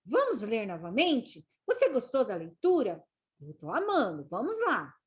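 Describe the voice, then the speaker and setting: A woman teacher giving a slow literacy lesson for children, drawing out syllables and words. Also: on the high side, huge pitch swings, slightly rough.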